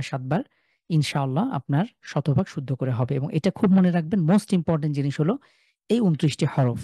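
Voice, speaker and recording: A young Quran recitation teacher with a Bangladeshi Bengali accent leads an online class over a video call, sounding out each letter slowly and loudly before explaining it. His voice is a little high and husky, and the recording is dry.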